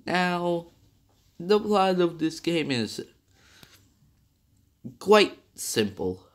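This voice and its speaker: Rambling through a casual video game review, a young reviewer keeps correcting himself and leaning on fillers. Partly sick, he sounds slightly nasal, and his voice sits high with a sing-song quality and drawn-out words.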